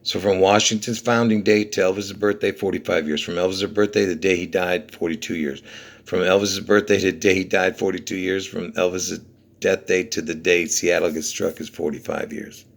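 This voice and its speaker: A Lebanese video host with a low, creaky voice walks through numbers in a conspiracy numerology video, speaking at a moderate pace with fairly even intonation. He rambles insistently, repeating figures and often adding "okay?" and "you see?".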